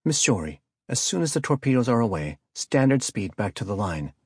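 A man voicing a stern female fleet admiral, giving clipped, crisp orders. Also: medium pitch, sing-song, fairly quick, no echo, clean studio sound, voice pushed up. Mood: commanding.

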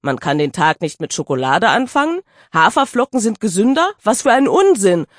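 Brief: a woman narrator, dry studio sound, expressive and animated reading. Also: medium pitch, normal speed, no echo. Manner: expressive, lively storytelling. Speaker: audiobook narrator. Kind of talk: audiobook narration.

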